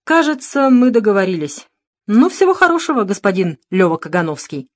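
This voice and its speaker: A woman's voice: mid-range voice, very animated, a little fast, no room sound, studio quality, pitched above the performer's own voice, lightly acted. A woman voicing a cool, mocking male private detective in an audiobook, speaking sternly. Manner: stern, needling. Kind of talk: audiobook narration.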